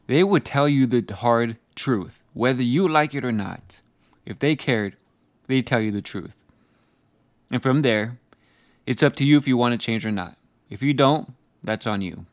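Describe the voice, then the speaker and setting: A man delivering a motivational speech as a speaker, blunt and forceful, hammering out short emphatic phrases. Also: mid-range voice, lively intonation, moderate pace, no echo.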